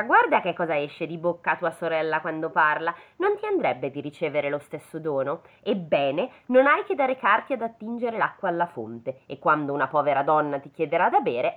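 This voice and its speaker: A woman's voice: low-pitched, big pitch swings, normal speed, few pauses. A woman voicing a bossy, demanding mother in a fairy tale, scolding and insistent. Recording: tinny phone-like sound.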